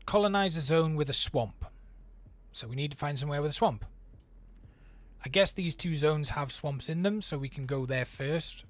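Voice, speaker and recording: A man's voice: a little high, normal speed. A man streaming a city-building game, chatting and thinking aloud as he plays. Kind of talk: let's play commentary.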